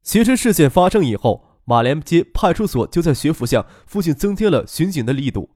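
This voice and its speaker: Guy reading a web novel out loud, lively up-and-down voice, dry close sound. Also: fairly high pitch, a little fast, no room sound. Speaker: audiobook narrator. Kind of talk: serialized novel narration.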